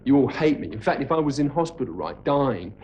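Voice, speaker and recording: A man's voice: mid-range voice, big pitch swings, a little fast, darkish tone, slight background noise. An actor playing a gloomy, self-pitying young male hippie student, droning and apologetic, heard from a worn VHS tape copy of a TV sitcom. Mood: mopey. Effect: worn VHS tape copy of a TV broadcast. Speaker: sitcom character. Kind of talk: 1980s TV sitcom acting.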